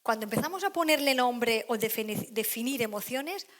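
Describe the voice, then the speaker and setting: A woman giving a conference talk on emotional education to an audience, lively, acting out quoted voices. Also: a little high, brisk. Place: lecture hall.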